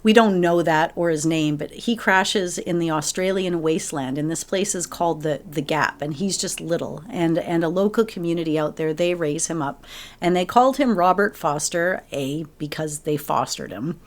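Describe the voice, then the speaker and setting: Low-voiced woman recapping a game story. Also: moderate pace. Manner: enthusiastic storytelling with laughs. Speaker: podcast co-host. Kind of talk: casual chat.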